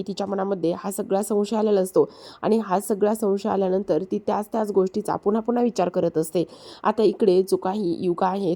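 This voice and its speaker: A woman casually retelling a TV serial episode, repeating herself often and pausing with hesitant fillers. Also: mid-range voice, dark tone. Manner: repetitive storytelling with frequent hesitation fillers. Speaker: serial recap narrator.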